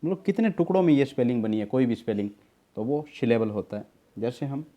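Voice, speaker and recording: A man's voice: mid-range voice, animated, quick pace, dark tone. A man teaching a spelling lesson, patiently explaining words, repeating them, spelling them out letter by letter and calling his students beta. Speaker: tutor.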